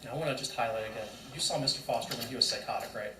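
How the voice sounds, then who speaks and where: A man questioning a witness in court as an attorney, brisk and pointed, in a courtroom recording. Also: medium pitch. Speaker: defense attorney. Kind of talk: courtroom cross-examination. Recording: distant echoey courtroom mic with noise.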